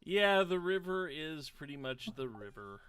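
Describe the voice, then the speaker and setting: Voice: mid-range voice, very animated, unhurried, a bit bright, clean tone, no room sound. A game partner casually chatting on a stream, laid-back with short, dry replies.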